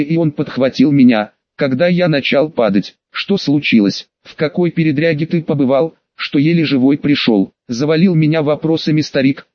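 A man with a fairly high voice narrating an audiobook in a steady, measured way. The recording is dry and dull, with a lo-fi sound. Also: dry recording. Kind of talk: scripted first-person audiobook narration.

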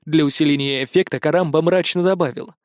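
Brief: male audiobook narrator, even storytelling, slightly high voice, dry booth sound. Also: fast talker, no room sound.

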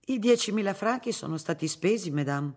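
A reader voicing a weary, dignified woman cook who speaks with quiet gravity in a storybook reading. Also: medium pitch, animated, fairly quick, pitched above the performer's own voice. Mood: grave, dignified.

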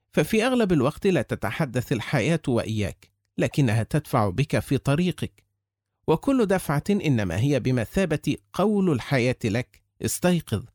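A man voicing a shrewd, wealthy older businessman who speaks calmly and lectures in a measured way, in an audiobook. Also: fairly high pitch, no echo, clean studio sound. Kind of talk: audiobook character reading.

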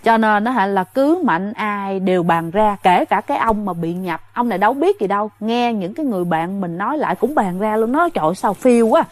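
A woman's voice: mid-range voice, expressive, fairly quick, hardly any pauses, no echo. A woman telling a ghost story in a casual, chatty way, often speaking to her listeners directly. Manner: chatty, addresses listeners directly, many fillers.

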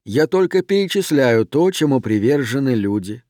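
A man voicing a calm, mysterious milkman who speaks in a measured, slightly ironic way. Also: medium pitch, dry recording, studio quality, natural voice. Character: calm mysterious male milkman, faintly mocking.

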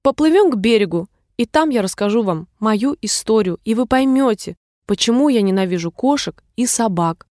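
Storybook: woman doing a tiny squeaky mouse, shrill and indignant, pitched high. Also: lively intonation, normal speed, a little mellow, no room sound, studio quality, lightly acted. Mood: shaky. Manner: huffy, outraged. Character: small indignant trembling female mouse.

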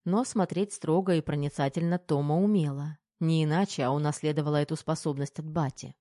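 A woman narrating a novel in an even, unhurried storytelling manner. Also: low voice, no echo, clean studio sound. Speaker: audiobook narrator. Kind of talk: scripted narration.

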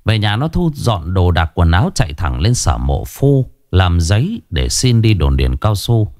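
A man reads a ghost story with an expressive, animated delivery. His pitch rises and falls a lot as he tells it. The recording is close and dry with no room sound. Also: unhurried, dry recording.

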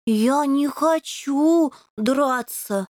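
A woman voicing a young male plasticine imp, a meek pacifist, talking hesitantly and slowly. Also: high voice, a little mellow, dry recording, clean studio sound, voice pushed up. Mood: timid.

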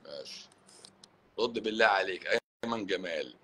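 A man's voice: mid-range voice, animated, fast talker, sharp tone. A man with an Egyptian accent, a doctor hosting a live stream who reads viewer comments aloud and answers them in a teasing, sarcastic way. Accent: Egyptian Arabic.

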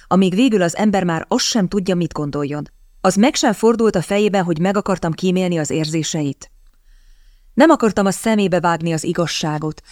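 A woman reading the part of a sulky, cowardly young gentleman who whines and stammers. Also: on the low side, dry recording, clean studio sound, close to an everyday voice. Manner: whiny, stammering.

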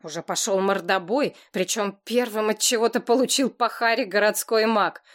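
A woman narrating a fantasy novel in a steady, lively storytelling voice. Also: medium pitch, moderate pace. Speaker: audiobook narrator.

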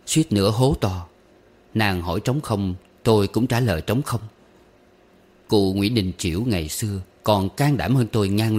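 A man narrating a short story as an audiobook, wistful and gently humorous, slipping into recited verse. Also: fairly low pitch.

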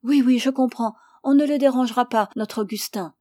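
An ailing old servant woman, humble and eager to agree, as a woman reader voices her. The tone is mellow and the recording dry. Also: on the high side, normal speed, dry recording, natural voice. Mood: deferential. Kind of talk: audiobook character voice.

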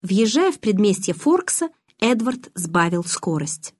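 A woman narrating a novel in the first person, in a measured, expressive storytelling manner. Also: mid-range voice, breathy edge, no room sound. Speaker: audiobook narrator.

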